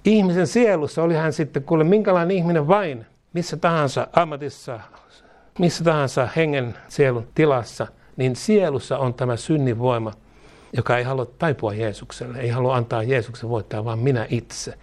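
A man's voice: medium pitch, darkish tone. A man preaching a sermon, fervent, leading a repeated prayer and speaking in tongues. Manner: fervent, prays aloud repeating each line. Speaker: pastor.

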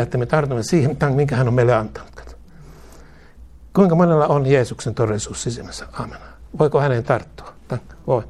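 Middle-aged male preacher, mid-pitched voice that climbs when urging the listeners. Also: darkish tone. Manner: rises in pitch and force when exhorting. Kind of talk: sermon.

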